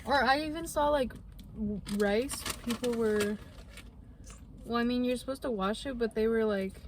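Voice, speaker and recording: A woman's voice: a little high, normal speed, noisy background. A young woman co-hosting a podcast, chatting casually and rambling with lots of fillers. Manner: rambling, filler-heavy storytelling. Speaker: podcast co-host. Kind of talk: casual chat.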